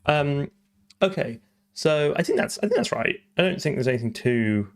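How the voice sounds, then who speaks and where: A man's voice: on the high side, very animated, normal speed. A man live-streaming his programming, talking through code and answering chat, often trailing off and repeating words.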